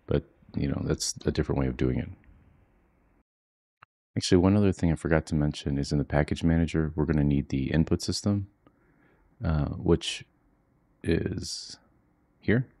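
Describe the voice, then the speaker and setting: Recording a software tutorial at home near his sleeping kids, a very deep-voiced coding instructor keeps his delivery muted and monotone. He goes at a moderate pace with vocal fry and frequent pauses, and his relaxed explanation leans heavily on fillers.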